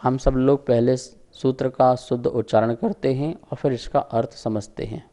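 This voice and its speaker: Steady and mellow at a medium pitch, a male religious teacher leads a slow scripture recitation lesson. Each term is pronounced syllable by syllable in drawn-out words, followed by a step-by-step explanation.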